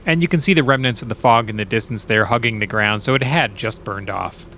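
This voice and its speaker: A man who is a private pilot, narrating his flight vlog in a relaxed, explanatory way. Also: lowish voice, brisk, noisy background. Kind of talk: casual vlog voice-over narration.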